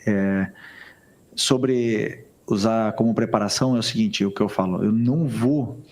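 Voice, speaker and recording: A man answering as a football coach at a press conference, hesitant with many pauses. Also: lowish voice, a little mellow. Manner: hesitant, full of pauses and restarts.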